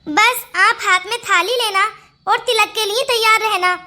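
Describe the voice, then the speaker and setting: A kind young brother-in-law from a cartoon who speaks gently and keeps things secret. His voice sits very high and bright for a man. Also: fairly even intonation, measured pace, heavily acted. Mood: secretive. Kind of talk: cartoon voice acting.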